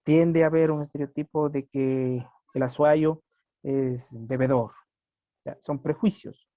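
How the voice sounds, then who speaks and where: A teacher gives a classroom lecture, often checking his students' understanding with tag questions like "right?" His fairly high, mellow voice is steady and slow, with no room sound, on a muffled lo-fi recording.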